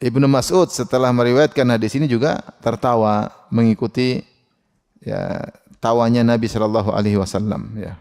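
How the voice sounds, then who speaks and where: A man's voice: medium pitch, normal speed, gravelly, smooth, big-room sound. A man giving an Islamic sermon in a conversational way, asking and answering his own questions and acting out quoted speech. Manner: acts out quoted speech in a lively voice. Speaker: Islamic preacher.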